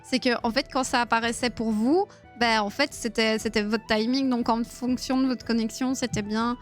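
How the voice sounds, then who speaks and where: A woman's voice: on the high side, fairly even intonation, moderate pace, faint music behind. A woman in her thirties hosting a live quiz stream, chatting playfully with viewers and giggling often. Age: 30s. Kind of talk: casual live-stream chat.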